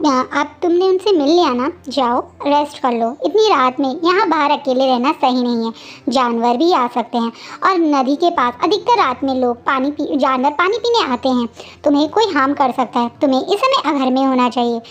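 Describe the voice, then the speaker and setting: A woman voicing a calm, caring older boy. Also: high voice, moderate pace. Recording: dull lo-fi recording.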